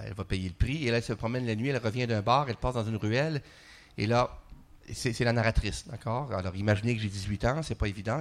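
A male author giving a dramatic first-person reading, introduced by hushed, halting asides. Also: fairly low pitch.

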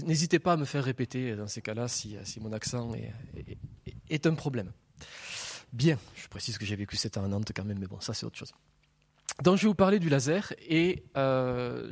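Speaking into a wired microphone, a laser researcher with a southern French accent from Toulouse gives a public science lecture, cracking jokes and explaining ideas through everyday images. His mid-range voice is creaky and a little mellow.

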